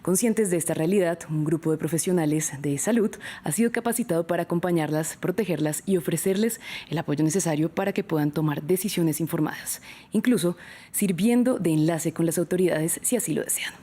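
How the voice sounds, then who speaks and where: A woman presenting a news program, interviewing a guest and reading the stories in a steady, measured way. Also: on the low side.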